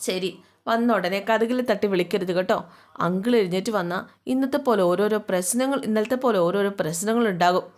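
A woman's voice: mid-range voice, close to an everyday voice. A woman voicing a young wife who is caring, a bit bossy and teasing. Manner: brisk, teasing, giving instructions.

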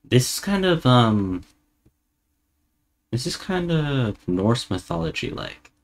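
A man's voice: medium pitch, very animated, slow pace. A man streamer giving casual reaction commentary, musing and thinking aloud as he goes. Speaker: streamer reacting to a lore video.

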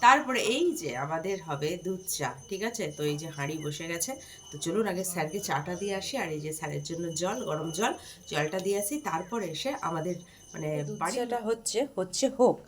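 A woman's voice: on the low side, expressive, fast, fairly bright tone, a little hiss or hum. A woman, narrating a casual daily-life vlog from her home kitchen and chatting viewers through her chores.

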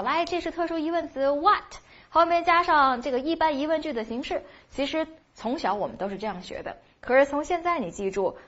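A woman's voice: medium pitch, breathy edge, highs cut off. Patient woman teaching spoken English. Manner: explains patiently, asks rhetorical questions, repeats phrases slowly for drill. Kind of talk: online spoken English lesson.

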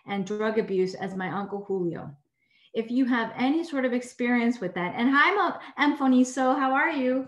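A woman who is a clinical instructor and surgeon, talking casually and warmly to medical students on a video call, rambling and correcting herself as she goes. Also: medium pitch. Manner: warm, rambling, self-correcting. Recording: echoey room on a video call.

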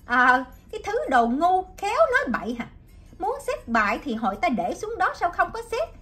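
A woman's voice: high-pitched, big pitch swings, normal speed, pushed and bright, soft background music, voice pushed up, heavily acted. A woman voicing a hot-tempered young woman gambler who screeches insults in a storybook reading. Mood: furious.

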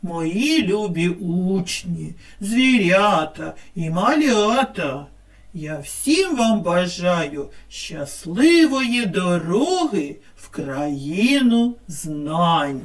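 A woman speech therapist narrating a scripted children's lesson in an expressive teacher's tone. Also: lowish voice, recorded from a distance. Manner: slow, lively, expressive teacher tone.

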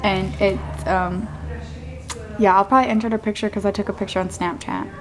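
A young adult woman from Indiana in the United States rambles casually in vlog style, her medium-pitched voice steady and fairly quick. The handheld camera mic picks up a roomy echo and plenty of noise.

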